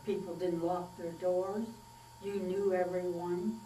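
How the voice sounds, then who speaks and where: A woman in her nineties, recalling her childhood in a slow, plainspoken oral history interview. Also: on the low side, fairly even intonation, mellow. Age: 90s. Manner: unhurried, plainspoken storytelling with pauses and fillers. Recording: echoey room, distant mic, faint mains hum.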